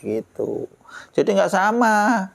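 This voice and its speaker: A man, teaching a relaxed religious lesson as a kiai, chatty and joking, quoting Arabic verses. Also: sits high, slow pace, creaky. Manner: chatty, jokey, laughs often, quotes Arabic verses. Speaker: kiai teaching a kitab study.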